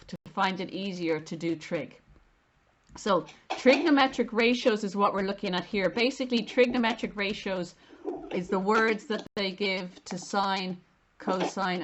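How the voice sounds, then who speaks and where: A middle-aged woman with an Irish accent, giving an informal maths lesson in an explanatory, self-deprecating way and stressing key terms. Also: mid-range voice. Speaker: maths teacher.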